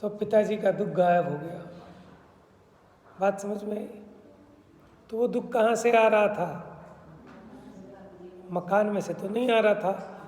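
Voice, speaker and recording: A man's voice: high voice, slow, long pauses, a little mellow. A man giving a religious discourse, explaining patiently and often checking that listeners understand. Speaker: spiritual teacher. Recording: reverberant hall sound.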